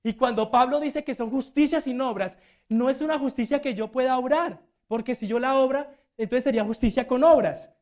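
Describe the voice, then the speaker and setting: A man preaching a sermon as a deacon in a church. He swings between loud and hushed delivery and acts out the quotes. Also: very high-pitched, fairly quick.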